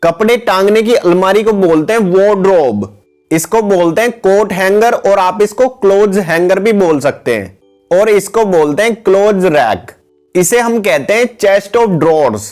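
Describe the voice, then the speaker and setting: A man with a high-pitched voice reads out a picture vocabulary lesson in an even, patient rhythm. He names one item after another and now and then calls his viewers guys. Faint background music sits beneath the close-miked voice-over. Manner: steady repetitive naming, addresses viewers as guys. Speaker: English teacher.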